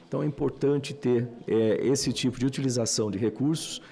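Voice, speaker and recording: A man's voice: medium pitch, a little fast, vocal fry, warm tone. A Brazilian man, a senator, giving a loose, conversational parliamentary speech with frequent fillers. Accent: Brazilian Portuguese. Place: legislative committee room.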